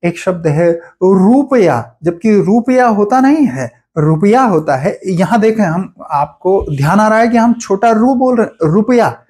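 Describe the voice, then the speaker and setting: A man teaching Hindi spelling for a competitive exam, explaining patiently and repeating each word slowly to contrast right and wrong forms, with a Hindi accent from Uttarakhand. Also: high-pitched, expressive, darkish tone. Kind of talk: exam-prep spelling lesson.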